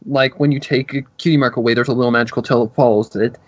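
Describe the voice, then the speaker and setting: A man co-hosting a review of a cartoon episode chats casually, explaining plot details at length. He speaks quickly at a medium pitch with fairly even intonation, and the recording is dull and lo-fi with no echo.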